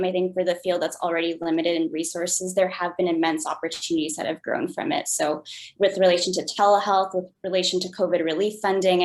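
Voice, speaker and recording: A woman's voice: lowish voice, rough recording. A woman speaking informally as a panelist at an online symposium, thoughtful and hesitant in her phrasing.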